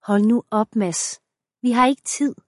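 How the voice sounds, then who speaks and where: A woman's voice: a little high, dark tone, no echo, studio quality, natural voice. A woman voicing an exasperated young mother who is trying to hurry her husband, speaking impatiently and pleadingly.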